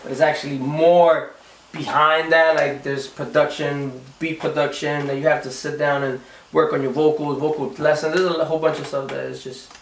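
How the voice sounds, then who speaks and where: A young man from the Dominican Republic chats through an interview, his voice a little higher than most. He stumbles, restarts and repeats words. The sound is roomy and comes from a few feet off the mic, with faint noise behind. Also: flat delivery, normal speed, distant mic. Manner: repeats words and restarts often, says "like" a lot. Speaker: singer interviewed. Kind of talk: casual interview answers. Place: recording studio.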